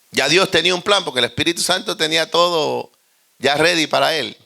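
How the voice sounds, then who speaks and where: A man with a Puerto Rican accent preaching a humorous storytelling sermon, animated and joking. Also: high voice, creaky.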